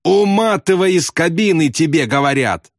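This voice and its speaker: A man voicing a terrified young bomber pilot who yells hysterically at his crew. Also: expressive, normal speed, dry recording, clean studio sound. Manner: shrill hysterical yelling.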